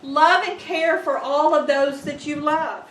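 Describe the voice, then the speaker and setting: A woman reading a heartfelt funeral tribute at a graveside in measured, deliberate phrases. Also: high voice, fairly bright tone. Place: outdoor graveside, far from microphone. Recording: distant, echoey, faint background noise.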